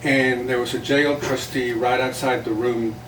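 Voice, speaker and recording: Older guy from south texas, spanish was his first language, unhurried storyteller, roomy far-off mic with faint hiss. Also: medium pitch, steady tone. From South Texas, USA. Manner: unhurried, reflective, with small chuckles. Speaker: guest, journalist and playwright. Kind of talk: relaxed storytelling interview. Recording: roomy, distant mic with faint background noise.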